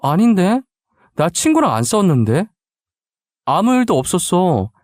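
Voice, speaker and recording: A man's voice: high voice, big pitch swings, measured pace, darkish tone, no room sound, studio quality, pitched above the performer's own voice. A man voicing a playful, forgetful young woman about to be married, who talks casually and teasingly. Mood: casual, breezy. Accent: Busan dialect in some lines.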